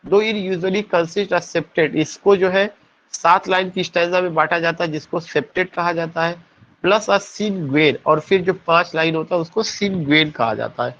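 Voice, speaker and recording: A man's voice: fairly high pitch, normal speed, a bit bright, muffled recording. A man teaching poetry terms in an exam-prep lesson, asking questions and answering them, spelling words out letter by letter.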